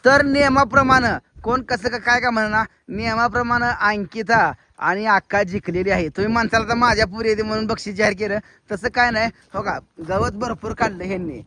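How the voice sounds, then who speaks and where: A man's voice: sits high, fairly quick, pushed and bright. A man, vlogging a children's contest and repeating instructions to them in a coaxing way. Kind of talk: casual outdoor vlog commentary.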